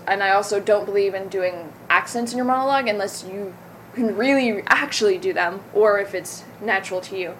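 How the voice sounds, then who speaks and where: A woman's voice: medium pitch, fairly bright tone, slight background noise, poor audio. A young woman from the American South, an actor chatting in an interview, talking loosely, correcting herself and laughing easily. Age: young adult. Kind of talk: casual interview.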